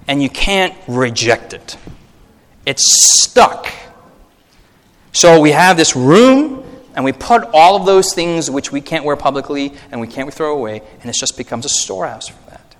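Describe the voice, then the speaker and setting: Chatty pastor preaching in an echoing hall. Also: male voice, a little high, a little slow. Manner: conversational preaching with frequent audience check-ins; animated, acts out voices in anecdotes. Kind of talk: sermon.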